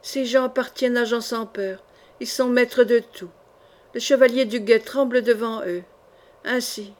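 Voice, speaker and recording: A woman's voice: on the high side, fairly even intonation, moderate pace, natural voice. A woman voicing a pale, frightened young streetwalker. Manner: pleading, trembling.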